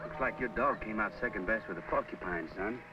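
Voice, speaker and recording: An actor playing an easygoing young country doctor with a Southern accent and a folksy drawl, in a 1950s TV western. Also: male voice, fairly low pitch, fairly quick, music in the background, lightly acted. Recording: dull lo-fi old TV soundtrack.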